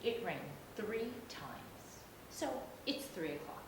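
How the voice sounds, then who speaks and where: A stately, commanding Queen from a children's storybook, as a woman puts her on for a toddler. The delivery is grand and swoops in pitch, heard in an echoey room. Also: sing-song, slow pace. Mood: matter-of-fact. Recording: echoey room, distant mic, noisy rumble.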